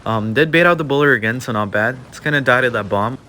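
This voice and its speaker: Speaking fast at a medium pitch, a young gaming YouTuber gives laid-back live commentary on a mobile match he's playing. Fillers such as "like" and "um" crop up constantly, his voice is a bit worn out, and there's slight background noise.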